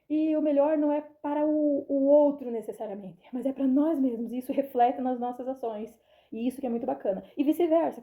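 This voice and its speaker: A woman with a high, mellow voice chats through a daily devotional vlog. She is earnest and emotional and acts out what others say in short quoted bursts. She speaks in loose, conversational phrases. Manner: warm and earnest about faith and plants. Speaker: devotional vlogger. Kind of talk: casual spoken reflection.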